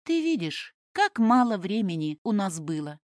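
A woman reads an audiobook, voicing a cold, stubborn Roman noblewoman who gives curt, scornful commands in an aloof mood. Her medium-pitched, darkish voice swings widely in pitch at a moderate pace, set above her natural voice yet close to everyday speech. The studio-quality recording has no echo.

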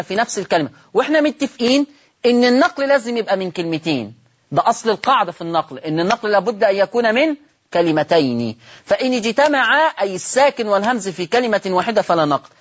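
A man's voice: sits high, slightly rough, muffled recording. A man with an Egyptian Arabic accent teaching a religious lesson on Quran reading, repeating words and putting questions to his listeners.

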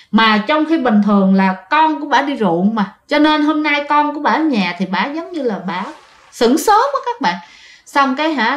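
A woman with a Southern Vietnamese accent telling a ghost story in a chatty way, often speaking straight to her listeners. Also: fairly high pitch. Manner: chatty, addresses listeners directly. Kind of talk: spoken ghost-story narration.

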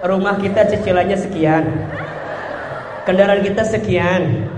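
A panicky, nagging housewife, played by a male preacher fires off the same questions again and again in a Sundanese accent. She sounds loud and insistent. The voice echoes through a big hall, and steady background noise runs under it. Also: high voice, a little slow, pitched below the performer's own voice. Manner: frantic repetitive questioning. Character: flustered nagging wife, middle-aged.

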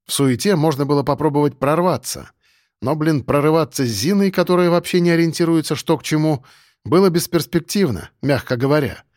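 A man's voice: a little high, fairly quick, a little mellow, no echo. Male audiobook narrator, wry and slangy, close dry studio sound. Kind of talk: first-person novel narration with voiced dialogue.

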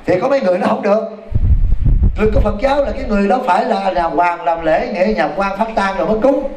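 A man's voice: high-pitched, fast. A man, a Buddhist monk, telling a story in a dharma talk and calling out to his listeners. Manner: animated, exclaims to the audience. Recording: echoey hall from far off, noisy.

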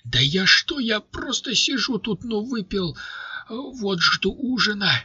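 A man voicing a burly red-haired brute whose boastful voice climbs into a shrill squeal. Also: very animated, takes it slowly, bright, forceful tone, husky, dry recording, muffled recording, exaggerated voice. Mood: meek mumbling.

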